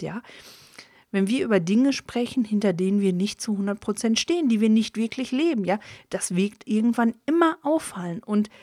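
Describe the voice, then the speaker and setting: A woman's voice: medium pitch, darkish tone, no room sound, studio quality. A middle-aged woman from the Ruhr area of Germany with a Ruhr German accent, giving a casual motivational talk as a business coach and tagging "ja" onto her sentences. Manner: chatty, filler "ja" after many sentences.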